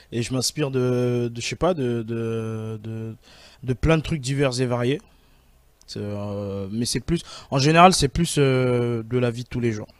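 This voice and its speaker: A comedian talking casually about where his sketches come from, often pausing and searching for words. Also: mid-range voice. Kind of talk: casual interview.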